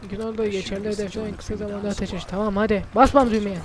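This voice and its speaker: A male gaming host gives casual gameplay commentary, brash and excitable, swearing and shouting at the characters on screen. His voice is high and very fast, with game music playing in the background.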